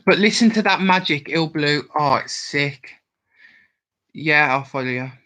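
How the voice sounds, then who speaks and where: A young male livestream host with a West Midlands accent, hailing from Worcestershire, England, speaks in a bright, forceful, slightly high voice at an unhurried pace. He's drunk, rambling and chatty, answering viewers' comments aloud in casual conversation.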